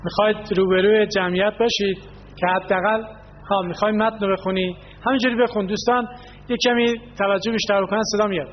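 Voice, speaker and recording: High-voiced man teaching a workshop. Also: steady tone, a little hiss or hum. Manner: explanatory, asks the group questions. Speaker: workshop instructor. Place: workshop room with a group. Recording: dull lo-fi sound in an echoey hall.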